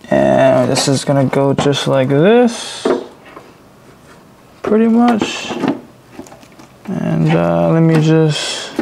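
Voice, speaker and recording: A man's voice: fairly high pitch, vocal fry, background noise. A young man casually talking through a DIY car repair as he works, laid-back and swearing now and then. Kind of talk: casual hands-on narration.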